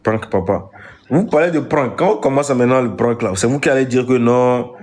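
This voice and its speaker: A man with a mid-range, darkish voice hosts a comic live stream in the role of a strict father. He lectures briskly and emphatically, repeating phrases, and the recording has a roomy echo.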